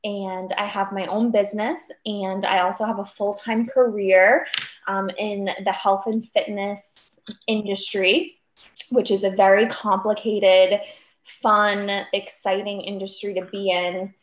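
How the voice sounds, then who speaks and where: A woman's voice: mid-range voice, level tone, unhurried. Chatty 25-year-old woman in an echoey room. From Cape Cod, Massachusetts. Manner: chatty, upbeat, with many fillers like "um" and "like". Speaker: guest. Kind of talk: casual podcast interview. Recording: roomy echo.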